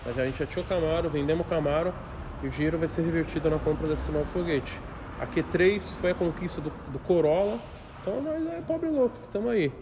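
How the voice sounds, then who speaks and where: A man's voice: on the high side, fast talker. A man hosting a casual vlog, slangy and joking, calling people "pai". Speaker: vlogger host. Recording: busy crowd noise around.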